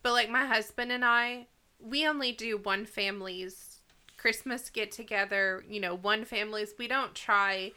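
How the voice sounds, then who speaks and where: A woman's voice: medium pitch, measured pace, sharp tone, smooth. A married woman co-hosting a casual group talk, earnest and candid, reading out discussion questions.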